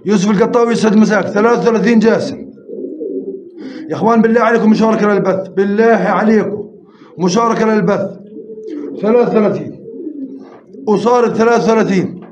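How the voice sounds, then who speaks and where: Running a pigeon auction live, this man counts bids fast and encourages the audience to join. His voice sits high with a darkish tone, captured in roomy, slightly muffled audio with faint noise and cooing pigeons nearby.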